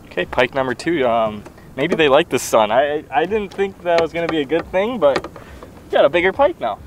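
A man in his twenties vlogging from a small boat on a lake, talking casually to an action camera strapped to his chest, excitable and quick to laugh. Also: a little high, slight background noise. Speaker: fishing vlogger. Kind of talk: casual on-the-water narration.

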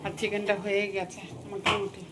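A woman's voice: medium pitch, level tone, a little fast. A woman from West Bengal with a Bengali accent, chatting casually through a home vlog, rambling and filling gaps with hesitation words. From West Bengal, India. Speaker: vlogger. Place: home kitchen and balcony, festival night. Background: noise, firecrackers and street ambience.

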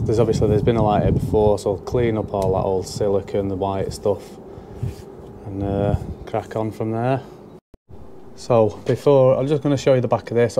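A man's voice: fairly low pitch, background noise. A young man, an electrician, chatting casually to a handheld camera as he works indoors, rambling and joking at his own expense. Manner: chatty, self-mocking, rambling asides. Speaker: electrician vlogger. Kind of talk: casual commentary while working. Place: indoors at a house job. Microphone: handheld camera mic.

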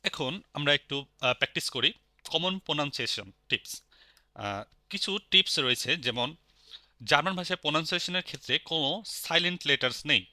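A man with a Bangladeshi Bengali accent teaching a spoken language lesson, patiently repeating each word slowly. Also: on the high side, animated, sharp tone, dry recording, clean studio sound.

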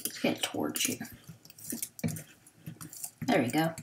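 A woman hosting a gaming video, talking slowly and hesitantly through what she is doing, with many fillers. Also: background noise. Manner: hesitant, thinking aloud with fillers. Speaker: gaming channel host. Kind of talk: Let's Play commentary.

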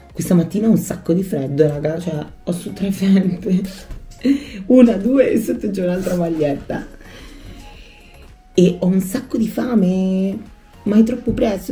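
Chatty Italian woman vlogging at home. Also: lowish voice. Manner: chatty, animated, self-mocking, with sudden exclamations. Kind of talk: casual daily vlog. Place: home rooms, a car, a bathroom. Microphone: handheld camera or phone at arm's length.

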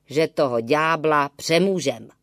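A stern old village wise-woman gives firm, scolding reassurance in an audiobook, as a woman reader voices her. The voice is low and dry. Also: no room sound, lightly acted. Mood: stern reassuring.

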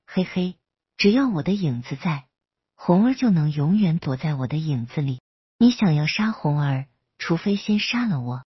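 A cold, scheming middle-aged mother from a storybook, defiant and mocking, as a woman reads her. The voice is low and husky. The recording is dry and dull. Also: animated, moderate pace, no room sound, exaggerated voice.

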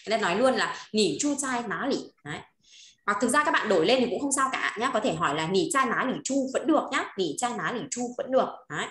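A woman's voice: medium pitch, lively intonation, fast, a bit bright, reverberant. A woman teaching a language lesson, repeating phrases and often checking that students follow. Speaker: Chinese teacher.

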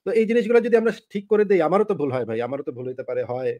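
A man hosting a live online discussion talks quickly, in a slightly higher voice than most men. He explains his points at length and often ends with rhetorical questions. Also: very animated, darkish tone.

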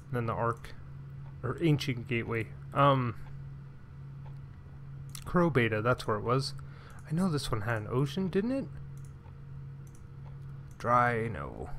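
A man's voice: mid-range voice, a bit bright, slight background noise. A man giving casual gameplay commentary, talking to himself and his pet as he plays, with mild frustrated sighs. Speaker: let's play gamer.

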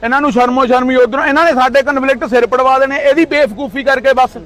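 A man's voice: extremely high pitch, steady tone, fast talker, fairly bright tone. A man in his thirties from Punjab, India, speaking in a heated street interview with indignant, accusing outbursts.

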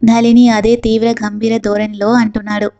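Woman narrating a novel, flat and steady. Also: fairly high pitch, normal speed, lo-fi sound. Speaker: audiobook narrator.

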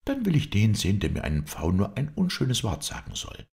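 A man's voice: lowish voice, huge pitch swings, fairly quick, vocal fry, a little mellow, pitched above the performer's own voice, exaggerated voice. A man reading aloud and voicing a spoiled, headstrong young princess who speaks indignantly and insistently.

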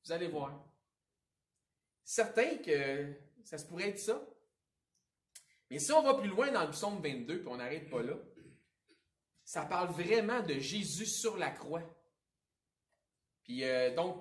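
Quebec pastor preaching in a roomy church. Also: male voice, high-pitched. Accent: Quebec French. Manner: conversational preaching with informal asides and wide swings in loudness. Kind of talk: sermon. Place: church sanctuary. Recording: roomy echo, voice picked up from a distance.

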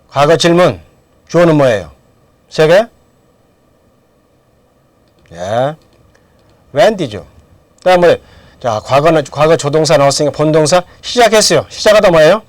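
A middle-aged man with a slightly high voice lectures on English grammar, running drills in which he asks questions and then answers them himself. The recording has no room sound.

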